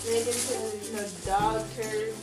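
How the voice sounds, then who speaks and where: Slow-talking goofy young woman. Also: a little high, steady tone, over loud music, low-quality recording. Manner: goofy, sarcastic, whooping. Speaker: guest vlogger. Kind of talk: casual vlog chat. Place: outdoors in a sunny backyard.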